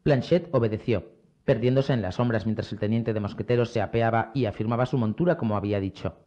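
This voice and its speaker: A man narrating an adventure novel as an audiobook reader, with expressive storytelling delivery. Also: fairly low pitch, quick pace, muffled recording. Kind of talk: scripted narration.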